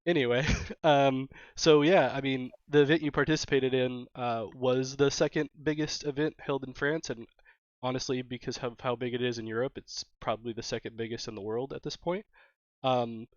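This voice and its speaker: A man's voice: mid-range voice, steady tone, moderate pace, dry recording. A man with a sick, nasal voice hosting an interview in an upbeat way, with many fillers. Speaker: interview host. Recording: dry, dull lo-fi recording.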